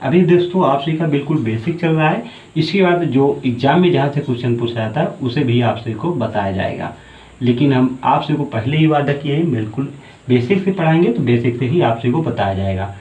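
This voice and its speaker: A man teaching a basic Hindi grammar lesson, asking questions and answering them himself and repeating key words slowly. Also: mid-range voice, lively intonation, darkish tone. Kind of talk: exam-prep grammar lesson. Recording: tinny, echoey phone-like room audio.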